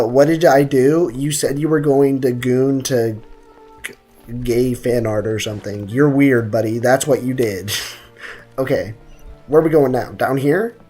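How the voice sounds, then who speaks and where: Casually chatting with live viewers as they react to a game, the streamer keeps up slangy, teasing banter. Medium in pitch, the voice sounds a little mellow with a breathy edge.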